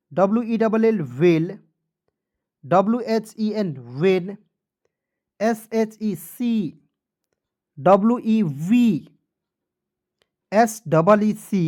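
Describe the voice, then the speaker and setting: A woman's voice: mid-range voice, warm tone. A woman teaching English phonics to beginners, spelling words letter by letter, then saying each one and checking that listeners follow.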